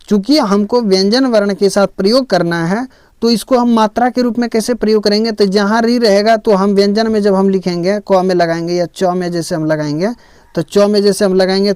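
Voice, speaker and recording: Patient high-voiced man teaching. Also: darkish tone, no room sound. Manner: patient, repeats each step with frequent "theek hai". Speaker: Sanskrit teacher. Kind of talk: explaining a lesson slowly.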